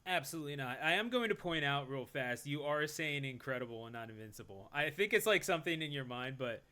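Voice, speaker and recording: A man's fairly high, bright, forceful voice in casual podcast chat. He talks quickly and jokingly, full of fillers and restarts. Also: expressive. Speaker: podcast co-host.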